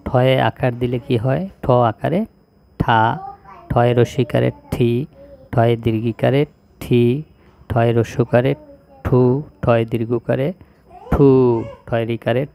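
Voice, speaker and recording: Male teacher voice for a kids' spelling lesson, flat and steady delivery. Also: mid-range voice, gravelly. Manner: slow, even, drilling recitation of syllables. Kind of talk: slow spelling lesson recitation.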